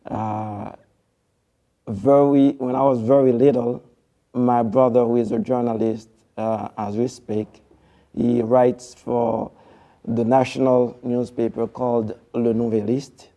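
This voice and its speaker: A man's voice: medium pitch, level tone, takes it slowly, dark tone. A man from Haiti, a TV producer, speaking as a studio interview guest in a formal, devotional way with hesitant fillers.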